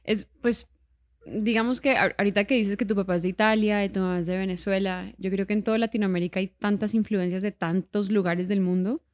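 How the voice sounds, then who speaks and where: Woman in her thirties, middle pitch, a relaxed and unhurried podcast guest. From Colombia. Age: 30s. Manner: relaxed and easygoing, with frequent soft affirmations. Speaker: guest musician. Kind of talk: casual interview chat.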